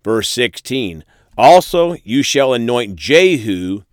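A man's voice: medium pitch, big pitch swings, takes it slowly, no room sound, studio quality. A man preaching a sermon, reading scripture verses aloud and then speaking to his listeners as friends and folks.

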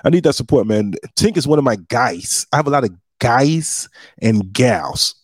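A man hosting a casual comedy podcast, talking in a boastful, animated way with lots of emphatic trash talk. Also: mid-range voice, moderate pace, husky, no room sound.

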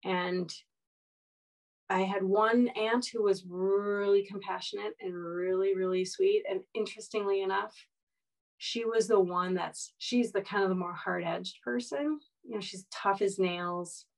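A woman guest speaking frankly about her own life in an earnest, unpolished way. She often stops and restarts her sentences as she works her thoughts out. Her voice sits at an ordinary middle pitch. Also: steady tone, unhurried, creaky, low-quality recording. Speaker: interview guest. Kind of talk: candid personal story.

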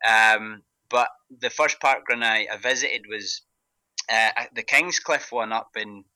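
Scottish guy w/ broad thick accent, really bright forceful voice, dry sound, chatting in an interview, kinda halting. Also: on the low side, clear, resonant tone, no room sound, rough recording. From Glasgow, Scotland. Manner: halting, hesitant delivery with repeated words. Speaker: interview guest, parkrun event organiser. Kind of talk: casual interview answers.

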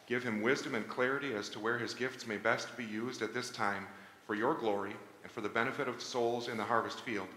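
A man leading liturgical prayer and the communion words in a measured, solemn way, his voice carried by a cathedral-like church echo. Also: mid-range voice, bright, forceful tone, a little hiss or hum. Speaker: worship leader. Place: church sanctuary. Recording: long church reverb, faint ambience.

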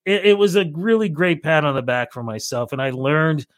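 Interview guest: Canadian radio veteran, middle-aged, lively raconteur who plays both sides of old calls; fairly high voice. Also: male voice, moderate pace, no room sound, clean studio sound. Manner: animated storyteller who acts out both sides of remembered phone calls. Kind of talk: casual storytelling in an interview.

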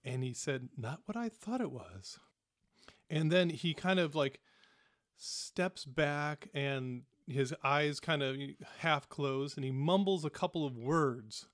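A man narrating a tabletop game as game master, in a relaxed, descriptive way with casual fillers. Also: on the high side, takes it slowly, dry recording, clean studio sound.

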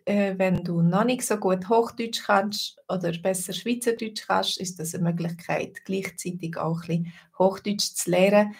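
A woman with a Swiss German accent, giving a casual online lesson as a language teacher, slow and hesitant with many fillers. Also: lowish voice, vocal fry, husky.

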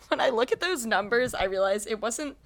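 A woman's voice: fairly high pitch, normal speed, dry recording. Teacher lady cohosting a podcast, giggly, says like a lot, chatty. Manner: giggly, animated, lots of "like". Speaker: podcast co-host, first grade teacher. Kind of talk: casual chat.

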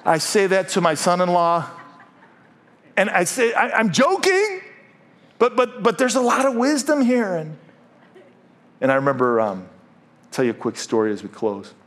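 A man's voice: high-pitched, very animated, normal speed, pauses often. A middle-aged man preaching a sermon as pastor, joking often and stumbling over repeated words. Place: church.

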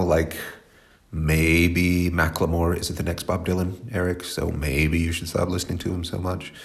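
A man in his forties hosting a music show, rambling and talkative, a bit stuffed up and tired. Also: deep voice. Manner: rambling, talkative, self-deprecating. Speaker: radio show host. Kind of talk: casual chatty show talk.

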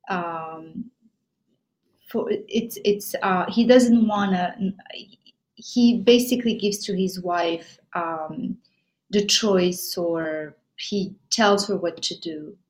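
A woman from Morocco answering interview questions about her film, pausing often with fillers and restarting her sentences. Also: mid-range voice, darkish tone, low-quality recording. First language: Moroccan Arabic or French. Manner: hesitant, many fillers and restarts. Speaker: filmmaker guest.

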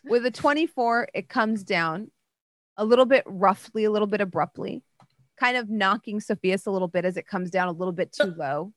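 A woman's voice: medium pitch, fairly quick. A woman narrating as game master in a casual way, with many fillers like "like" and "uh". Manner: casual, many likes and uhs.

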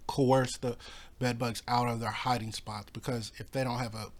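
A man who runs a pest control business explains things in casual talk, hoarse and coughing, with halting speech and many fillers and restarts. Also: mid-range voice.

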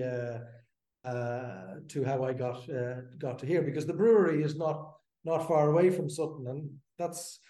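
A man in his fifties from the Netherlands, a brewery co-founder, talking as a podcast guest in a halting, filler-filled way. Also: on the high side, mellow, reverberant. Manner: halting, many fillers and restarts. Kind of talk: casual interview.

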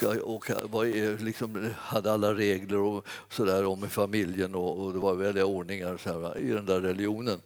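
A man preaching through an anecdote in a rambling, self-correcting way, chuckling often as he tells it. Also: medium pitch. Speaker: preacher telling a story. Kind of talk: anecdotal sermon storytelling.

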